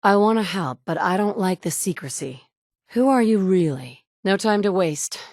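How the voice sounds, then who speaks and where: She voices a game's player character, a blunt, tough survivor barking curt commands. The mid-range voice is natural and darkish, lively in intonation at a moderate pace, captured dry and at studio quality on a close mic in a recording studio.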